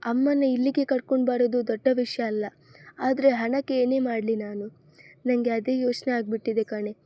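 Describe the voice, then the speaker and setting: A woman's voice: on the high side, fairly even intonation, normal speed, mellow, no echo, close to an everyday voice. A woman voicing a struggling young saleswoman, anxious and tearful. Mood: despairing. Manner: distressed, tearful.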